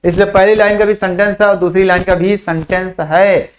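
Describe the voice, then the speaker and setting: A man with a fairly high voice leads a chemistry class, drilling memory sentences for the periodic table. He repeats each phrase slowly for dictation and keeps asking and answering his own questions in a classroom manner. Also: little pitch movement. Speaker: chemistry teacher. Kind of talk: online classroom lesson.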